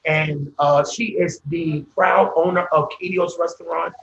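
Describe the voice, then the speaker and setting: Higher-voiced American man hosting in echoey room. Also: fairly even intonation, measured pace, vocal fry, a bit bright, dull audio. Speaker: host. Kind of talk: casual live discussion hosting. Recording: echoey live stream with background noise.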